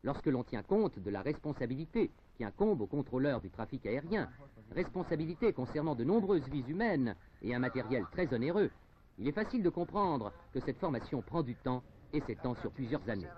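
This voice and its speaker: This documentary narrator reads scripted lines for a 1970s informational film, formal, emphatic and carefully articulated. His mid-range voice is sing-song and brisk, on a dull, noisy film soundtrack of the era.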